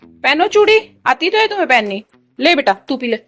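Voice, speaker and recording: A high-pitched woman talking at home, switching between coaxing her little children and scolding them with playful threats. Between the kids' squabbles she chats casually to the camera, with faint music underneath. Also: sing-song, normal speed, fairly bright tone. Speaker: mother vlogging her day with three young children. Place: at home, indoors.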